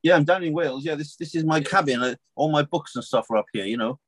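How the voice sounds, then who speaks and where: A male guest talking quickly and jokily from a small cabin over a video call. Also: fairly high pitch, dry recording. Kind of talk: casual video-call interview.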